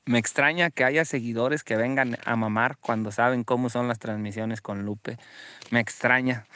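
A man with a Mexican Spanish accent hosting a livestream. He is profane and taunting, shouting jeers at someone and then dropping to low asides for his viewers. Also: fairly even intonation, moderate pace, no echo. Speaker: livestream host. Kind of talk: livestream vlog.

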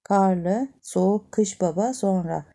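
A woman voicing a gentle, affectionate mother who patiently soothes her young son in a storybook. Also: medium pitch, slow, vocal fry. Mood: tender.

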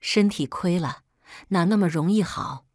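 A woman's voice: on the low side, measured pace, no room sound, clean studio sound. A woman voicing a doting older nanny in a storybook reading, fussing and scolding tenderly.

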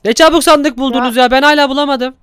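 A young man hosting Minecraft gameplay commentary, excitable and exclaiming often as he talks to viewers. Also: extremely high pitch, fast talker, no room sound. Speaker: gaming YouTuber host.

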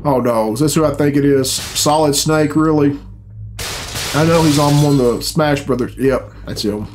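Here the host's high-leaning voice has a darkish tone at normal speed, with slight background noise and game cutscene music. The middle-aged man sits at his computer at home, giving casual, unscripted reactions that are blunt, sweary and bemused.

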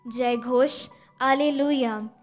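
A young woman reads scripture at a Mass lectern, her voice high and light, each phrase slow and even. Faint music plays softly behind her in the chapel. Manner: even, deliberate recitation of scripture and psalm. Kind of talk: slow, measured liturgical reading. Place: indoor studio chapel. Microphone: stand mic at a lectern.

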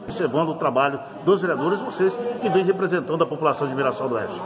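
A man's voice: fairly high pitch, crowd noise, poor audio. A man reporting from a city council chamber and putting questions to councillors. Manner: quick, upbeat reporter delivery. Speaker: local news reporter. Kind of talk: field report and interview questions.

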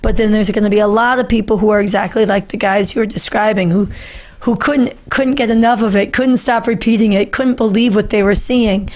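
A middle-aged woman hosts a political panel show from a small, book-lined indoor studio, speaking close to a boom-arm podcast mic. Her medium-pitched voice moves fairly quickly with fairly even intonation. She delivers impassioned commentary with earnest, emphatic conviction, repeating phrases for stress.

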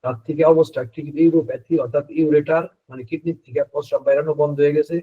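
A man teaching homeopathy, reading case notes in rapid lists and stressing key words. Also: on the high side, steady tone, husky, narrow, tinny audio. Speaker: homeopathy instructor. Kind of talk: lecture on repertory practice.

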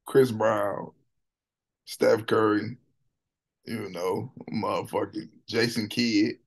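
A man's voice: lowish voice, takes it slowly. Slangy man reacting to a song. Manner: loose, slangy and animated, often repeating song lines. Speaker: music reaction host. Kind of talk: casual song reaction commentary.

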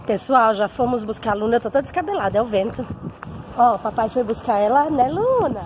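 Chatty mom vlogging on a phone. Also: female voice, on the high side, expressive, a little fast, background noise. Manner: chatty, emotional, often asks for agreement. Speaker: vlogger mother. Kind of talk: casual vlog chat to viewers. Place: home, then walking outdoors on a street.

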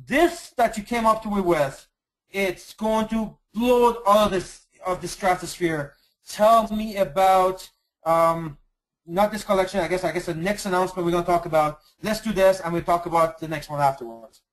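Man, high voice, company executive, sales webinar, boastful, emphatic, restarts sentences. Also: normal speed, rough recording. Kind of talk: enthusiastic sales presentation.

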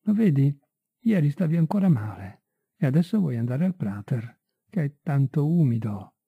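A man voicing an anxious young woman who pleads gently with her lover, on a tinny, dry recording. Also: a little high, very animated, normal speed, vocal fry, breathy edge, dry recording, exaggerated voice. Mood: worried, coaxing.

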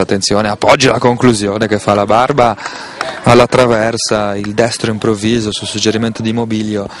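A man with an Italian accent giving live football play-by-play in a measured, detailed way, sometimes correcting himself. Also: on the low side. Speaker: football commentator. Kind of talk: live play-by-play match commentary.

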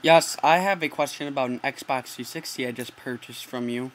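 A teen prank caller, playing it straight and sincere, talks at a moderate pace in a medium-pitched, somewhat bright voice. The casual call is picked up by a laptop microphone held close, with noticeable noise.

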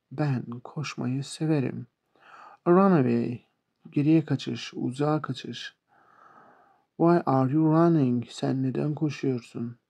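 Turkish-accented male English teacher, patient and repetitive, gravelly and husky. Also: mid-range voice, a little mellow. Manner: slow, repeats words and example sentences. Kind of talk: explaining English verbs to beginners.

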